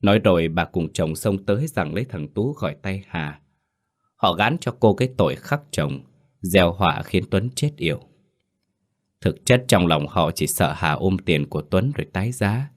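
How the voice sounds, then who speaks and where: A man narrating a dark folk tale in a solemn, dramatic storytelling manner. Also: low voice.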